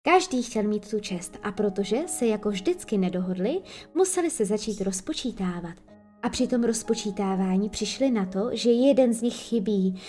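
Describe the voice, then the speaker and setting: A woman narrating a children's story in a lively, expressive way. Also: mid-range voice, soft background music. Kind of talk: storybook reading.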